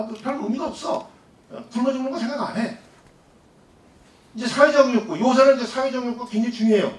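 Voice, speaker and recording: A middle-aged man giving a public lecture, animated and asking the audience questions. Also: high-pitched. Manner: animated, asks the audience questions, acts out quoted people. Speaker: guest lecturer. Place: lecture hall. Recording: echoey hall, distant mic.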